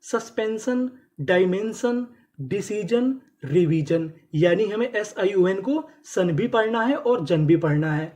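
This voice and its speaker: Brief: steady teacher voice for a spelling-and-reading lesson, drawn-out repeats, rhetorical questions to the class. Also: mid-range voice. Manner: spells words letter by letter, then asks and answers its own questions; repeats each word slowly several times. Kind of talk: classroom-style lesson explanation.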